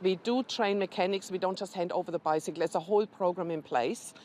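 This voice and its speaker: A woman's voice: on the low side, quick pace, darkish tone, a little hiss or hum. A woman speaking as a charity representative in a news interview, explaining things step by step in an informative way.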